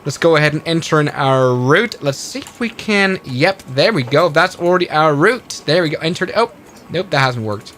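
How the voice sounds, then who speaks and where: A man streams a flight simulator live, casually narrating each step out loud and correcting himself along the way. His fairly high voice is a bit bright, with lively intonation and a moderate pace, and there's a little hiss or hum in the audio.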